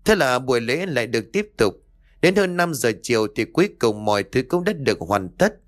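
A man's voice: mid-range voice, big pitch swings, brisk. Man narrating a serialized audiobook story. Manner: reads every character himself, shifting tone for each. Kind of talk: scripted story narration with voiced dialogue.

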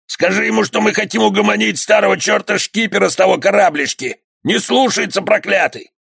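A man putting on a high sneering one-eyed pirate. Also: a little fast, creaky, fairly bright tone, breathy edge, dry recording, clean studio sound, heavily acted. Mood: menacing. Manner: threatening, sneering. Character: gruff one-eyed male pirate bully.

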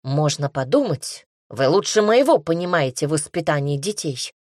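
A woman plays an arrogant aristocratic lord in a storybook, curt and stiffly formal. The voice sits a little low and is recorded dry and close. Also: big pitch swings, normal speed, a little mellow, dry recording. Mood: indignant. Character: haughty aristocratic lord, single father.

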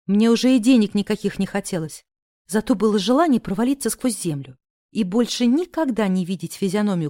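A woman's voice: mid-range voice, no room sound, studio quality. Wry woman narrating an audiobook. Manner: sardonic, lively storytelling. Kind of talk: first-person novel narration.

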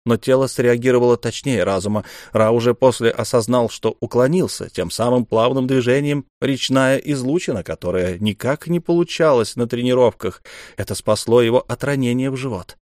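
A man's voice: medium pitch, normal speed, darkish tone, dry recording. Man reading a novel aloud, dry sound. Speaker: audiobook narrator. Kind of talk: scripted narration.

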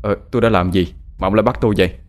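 A man voicing an honest young farmer, earnest and quick to angry shouts. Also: lowish voice, steady tone, soft background music, lightly acted. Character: honest young farmer, hot-tempered in grief.

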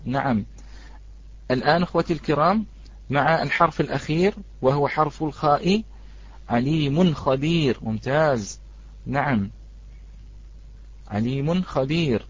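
A man teaching a Quran recitation lesson, patiently repeating his points and slowly reciting examples. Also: on the high side, breathy edge. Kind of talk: online tajweed lesson. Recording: dry, slightly dull.

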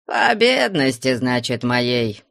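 A man's voice: medium pitch, big pitch swings, takes it slowly, creaky, no room sound, clean studio sound, heavily acted. A man voicing a sullen old retired soldier who keeps watch at a country church, curt and grumbling. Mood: deferential. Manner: curt and grumbling, warms up over vodka.

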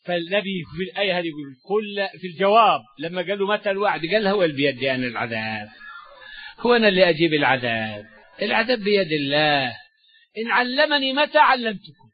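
A man's voice: sits high, sing-song, fast talker. An older man giving a sermon-style Quran commentary, telling stories in everyday speech between recited verses, with stammering restarts. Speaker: Islamic scholar giving a Quran commentary lesson. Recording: dull lo-fi dry recording.

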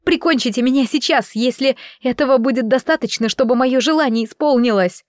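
A woman voicing a desperate, tearful young girl who pleads in a shrill, high voice. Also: brisk, no echo, clean studio sound, lightly acted. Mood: hysterical.

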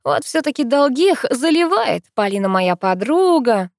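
A woman's voice: a little high, very animated, unhurried, no echo, clean studio sound, voice pushed up. A woman voicing a cocky, joking teenage boy in an audiobook, drawling and teasing.

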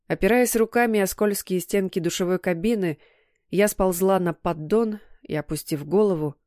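A woman narrating an audiobook in the first person with an emotional, expressive reading. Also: mid-range voice, normal speed, no echo, clean studio sound.

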